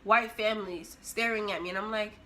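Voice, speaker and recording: A young woman vlogger telling a story in an animated, expressive way, acting out the scene as she goes. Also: medium pitch, fairly quick, slight background noise. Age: young adult. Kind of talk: storytime vlog.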